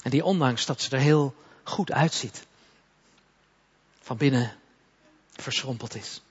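A man with a very husky, breathy voice preaches in a church service. He speaks softly and intimately, sometimes sinks to a whisper and sometimes rises into forceful declarations. The recording sounds dull and lo-fi. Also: mid-range voice, slow pace. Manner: soft and intimate, dropping to whispers, then rising to forceful commands. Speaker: pastor. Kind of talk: prophetic sermon ministry.

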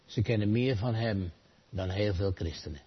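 A man preaching a sermon, asking rhetorical questions and answering them, rising loud and then dropping soft. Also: on the low side, normal speed, a little hiss or hum. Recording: dull lo-fi sound.

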